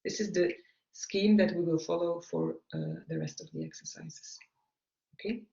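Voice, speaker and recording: A man, an English speaker, giving a recorded navigation lecture in a halting way, with frequent fillers. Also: on the high side, wildly swooping pitch, creaky, dark tone. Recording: echoey room, dull lo-fi sound.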